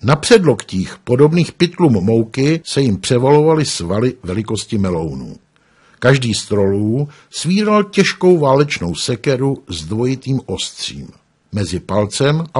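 Brief: man, audiobook narrator, husky, expressive, animated pitch. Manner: expressive storytelling.

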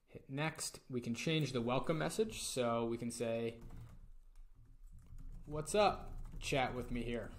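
Relaxed man walking through a tutorial. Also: medium pitch. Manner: relaxed step-by-step walkthrough. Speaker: tutorial presenter. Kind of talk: screen-recorded software tutorial.

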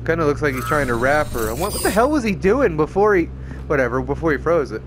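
A man's voice: a little high, big pitch swings, quick pace, background noise. A man giving casual game commentary as a streamer, crude and sarcastic, swearing freely. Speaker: gaming streamer. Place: indoors, game audio and music behind the voice.

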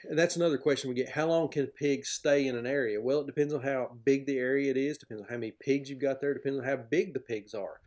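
A middle-aged man talks about his farm with eager, plain-spoken energy, laying out how things work step by step. His voice sits at an ordinary middle pitch for a man. He is heard through a video-call setup from a room at home. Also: steady tone, fast, few pauses, darkish tone. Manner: enthusiastic, explanatory, plain-spoken. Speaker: pig farmer guest. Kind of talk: podcast interview over video call. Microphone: video call, webcam framing.

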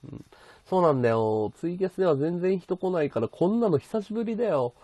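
A man's voice: high-pitched, expressive, quick pace, warm tone, no echo. A man hosting a casual livestream from his bedroom, chatting and thanking his viewers as he reads their comments. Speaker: livestream host. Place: bedroom at home.

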